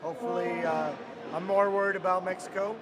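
A man's voice: high-pitched, steady tone, a little fast, crowd noise. A middle-aged man, a head coach, giving plain, upbeat postgame answers. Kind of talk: postgame interview. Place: indoor soccer arena floor. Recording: arena noise behind.

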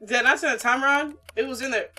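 A woman's voice: high-pitched, fairly even intonation, quick pace, pushed and bright, distant mic. A young woman giving casual, slangy gameplay commentary, animatedly talking to herself and to her viewers. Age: young adult. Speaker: gaming streamer.

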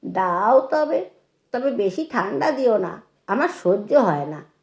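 A woman voicing a gentle, humble elderly woman, once a schoolteacher, who speaks softly and slowly. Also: mid-range voice, sing-song, gravelly, heavily acted. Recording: echoey room.

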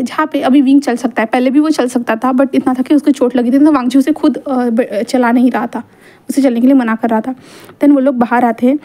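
Woman storyteller, chatty and filler-heavy, high pitch, mellow tone. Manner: chatty code-mixed storytelling, many fillers. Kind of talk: fan fiction narration.

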